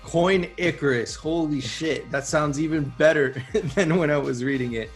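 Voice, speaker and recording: Host, man, gravelly, slangy and relaxed, faint music under. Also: fairly high pitch, moderate pace. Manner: laid-back, laughing, slangy. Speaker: podcast host. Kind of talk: casual podcast chat.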